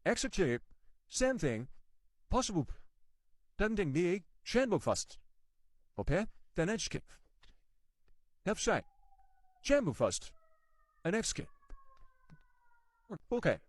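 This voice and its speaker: A man's voice: sits high, very animated, slow pace, pauses often, dry recording. A man instructing taekwondo, giving short, clipped commands and counts for kicking drills.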